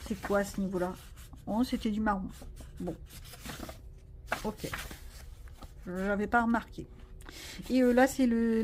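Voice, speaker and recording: A woman's voice: fairly high pitch, mellow, slight background noise. Chatty, self-mocking woman. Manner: chatty, rambling, self-mocking, many fillers. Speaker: vlogger showing her coloring pages. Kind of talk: casual chat.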